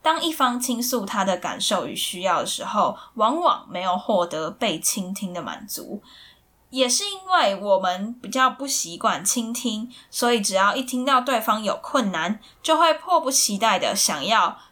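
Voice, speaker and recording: Bright-voiced woman sharing a book. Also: mid-range voice, big pitch swings, normal speed. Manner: conversational, filler-heavy explaining. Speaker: book reviewer. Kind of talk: casual book summary talk.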